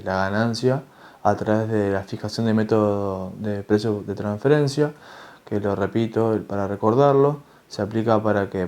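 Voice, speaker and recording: A man giving a tax lecture, talking in a halting way with many fillers and restarts. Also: on the low side, warm tone. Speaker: tax instructor.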